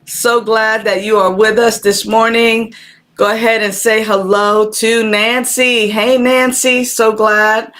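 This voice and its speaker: A woman's voice: a little high, flat delivery, takes it slowly. Woman minister chatting to viewers. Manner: warm conversational preaching, greets viewers by name; repeats phrases for emphasis. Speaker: minister and show host. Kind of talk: live-streamed spiritual talk. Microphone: camera.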